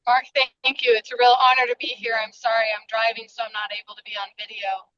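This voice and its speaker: A woman's voice: on the high side, fairly even intonation, fast talker, bright, forceful tone. A woman in her fifties, heard over a phone speaker in her car while driving, introducing herself earnestly on a group call. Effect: phone speaker audio from a moving car. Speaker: participant on a group video call. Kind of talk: brief self-introduction. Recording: dull distant car phone audio.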